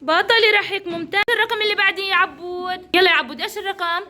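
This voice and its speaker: A woman's voice: very high-pitched, racing, pushed and bright. A woman teacher, coaxing and praising young children through a counting game. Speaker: preschool teacher.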